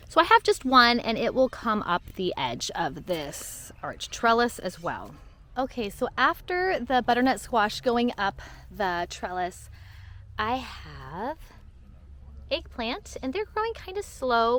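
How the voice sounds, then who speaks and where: Carrying her camera outdoors, a woman gives a casual walk-and-talk tour of her vegetable garden. Her medium-pitched voice has a fairly bright tone, and she's chatty and bubbly, laughing at her own slips.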